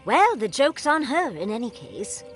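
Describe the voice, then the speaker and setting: A teasing, witty adventurer. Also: female voice, on the high side, sing-song, moderate pace, soft background music. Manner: dry, teasing humor. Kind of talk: video game voice acting.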